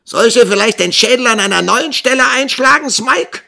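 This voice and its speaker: A man's voice: very high voice, lively intonation, a little fast, gravelly, pushed and bright, voice pushed up, heavily acted. A man voicing a spiteful schoolmaster's wife who shrieks threats.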